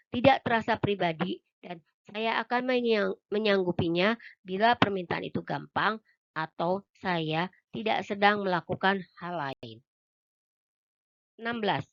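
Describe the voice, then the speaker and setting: A woman reading an audiobook aloud in a calm, even way, with a few small slips. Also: medium pitch, no echo, muffled recording. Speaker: audiobook reader. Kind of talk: audiobook narration.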